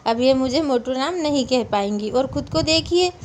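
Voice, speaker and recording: Woman reading as a cheeky show-off young guy in a storybook, kinda high voice. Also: expressive, moderate pace, a little hiss or hum. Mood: teasing. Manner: playful, boastful. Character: cheerful teasing young man, a cousin.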